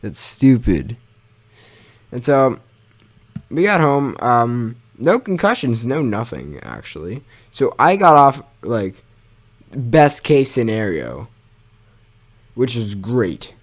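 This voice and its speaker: A young man with a mid-range voice recounts a personal story in the style of his gaming channel, loose and informal with a bit of mild swearing. He pokes fun at himself throughout, speaking slowly with wide pitch swings and frequent pauses.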